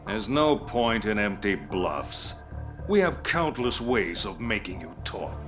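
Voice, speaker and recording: Villainous commander, game drama: unhurried, condescending menace with swinging intonation, music loud behind. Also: male voice, on the low side, big pitch swings. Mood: coldly amused. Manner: taunting, measured, condescending. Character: menacing male military commander, coldly amused interrogator. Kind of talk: dramatic game cutscene acting. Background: loud background music.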